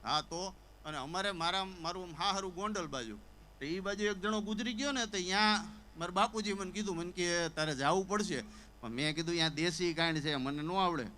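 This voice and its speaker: A man's voice: high voice, fairly quick, a little hiss or hum, rough recording. A man telling a comic story on stage, acting out characters with stammers and sobs. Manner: animated, acts out characters with stammers and sobbing. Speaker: stand-up comedian. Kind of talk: Gujarati folk comedy storytelling on stage.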